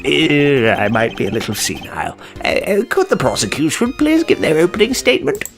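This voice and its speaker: A man's voice: on the high side, sing-song, fairly quick, pitched above the performer's own voice. A man voicing a doddering, jovial elderly courtroom judge from a video game, with a wavering, stammering old-man voice. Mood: jovial, befuddled. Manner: hesitant, stammering, rambling.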